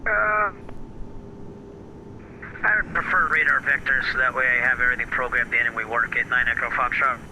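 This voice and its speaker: A man's voice: medium pitch, fairly even intonation, fast talker, few pauses, pushed and bright, rough recording. A male pilot speaking over a headset radio, reading back instructions to air traffic control. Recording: aircraft radio transmission with faint noise.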